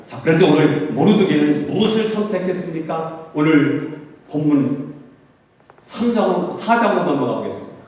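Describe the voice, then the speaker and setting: A male pastor preaching with fervent intensity, his fairly high voice rising into urgent pleas. The sound is heavily echoey, with a long hall reverb, and he is heard from a distance in a church sanctuary. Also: lively intonation, normal speed, darkish tone. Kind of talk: sermon.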